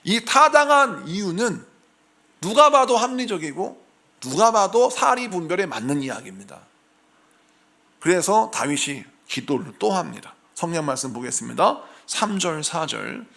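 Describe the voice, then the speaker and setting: A middle-aged male pastor preaching a lively sermon in a church, acting out anxious voices as he goes. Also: high-pitched, moderate pace, creaky. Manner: animated, acts out voices of worried believers. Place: church sanctuary.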